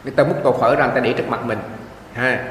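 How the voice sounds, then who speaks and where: A monk, giving a dharma talk in lively storytelling. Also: male voice, medium pitch, rapid-fire, a little hiss or hum. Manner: lively storytelling, acting out quoted voices. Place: meditation hall. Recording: echoey hall from a distance.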